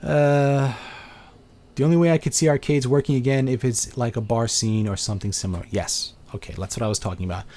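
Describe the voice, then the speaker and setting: Speaking a little fast in a warm, mid-range voice with fairly even intonation, a middle-aged New Yorker from Brooklyn answers viewers' questions on a casual webcam stream he hosts. His talk is chatty and meandering, full of fillers as he thinks aloud.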